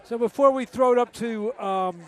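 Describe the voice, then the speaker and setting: A man's voice: very high voice, moderate pace. A man doing play-by-play for a live boxing broadcast, setting up the fights and throwing to the ring announcer. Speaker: play-by-play commentator. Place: music venue boxing event.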